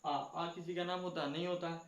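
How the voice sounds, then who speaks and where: A man's voice: on the high side, fairly even intonation, a little fast. A man teaching a grammar lesson, asking the class questions and answering them himself, going back over each point. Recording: echoey room, dull lo-fi sound.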